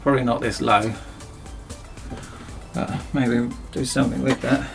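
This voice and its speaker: Chatty gravelly-voiced man in a workshop. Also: medium pitch, steady tone, unhurried, music in the background. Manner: chatty, rambling, self-mocking. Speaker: DIY video host. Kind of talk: casual workshop chat. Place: cramped home workshop.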